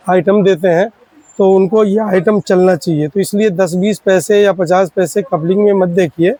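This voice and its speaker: Earnest shopkeeper man, high voice. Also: mellow, dry recording, poor audio. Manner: earnest, pleading, repetitive. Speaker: spare parts shop owner. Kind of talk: product explainer to shopkeepers.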